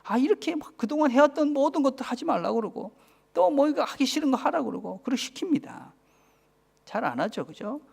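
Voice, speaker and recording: A man's voice: very high-pitched, very animated, brisk, vocal fry, a little mellow, husky. A man in his forties with a Busan accent, a pastor preaching a sermon, often asking the congregation for agreement and dropping to a whisper for emphasis. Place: church.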